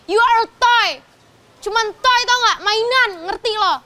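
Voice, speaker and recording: A woman's voice: very high voice, a little slow, bright, forceful tone, exaggerated voice. An actress playing a spoiled, scheming young woman in a TV soap, bratty and sprinkling in English phrases. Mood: spiteful. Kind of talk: TV soap acting.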